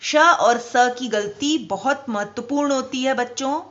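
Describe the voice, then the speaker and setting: A woman teacher giving a spelling lesson to children, speaking slowly and deliberately and stressing each example word. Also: high voice, a bit bright, lo-fi sound.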